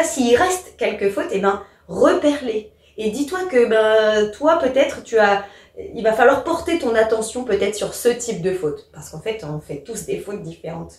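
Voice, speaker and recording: A woman teacher walks a young learner through a lesson in a patient, informal way. Her voice sits a little high and sounds a bit distant from the microphone. The room leaves an echo on her words. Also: lively intonation, moderate pace. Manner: patient, talks to the learner as "tu", many fillers. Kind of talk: explaining a French writing lesson. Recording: echoey room, voice a bit far from the mic.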